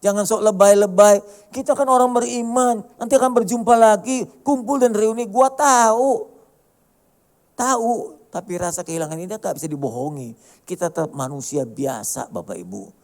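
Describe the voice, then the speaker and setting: Male pastor preaching, fairly high voice, chatty, goes from hushed to loud, acts out little dialogues. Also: brisk. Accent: Indonesian. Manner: colloquial, swings from hushed to loud emphatic. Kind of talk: sermon.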